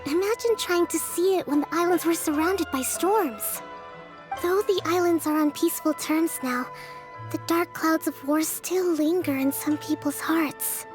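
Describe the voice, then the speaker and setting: A very high-pitched woman performs video game dialogue as a gentle, thoughtful young leader. She speaks politely and earnestly in measured phrases, with a pensive mood and music playing behind her.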